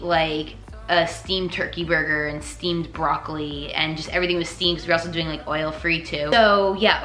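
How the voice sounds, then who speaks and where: A woman's voice: on the low side, sharp tone. A woman in her twenties from Long Island telling a personal story to camera, emotional and rambling with lots of "like". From Long Island, New York. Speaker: vlogger. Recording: echoey room with faint music.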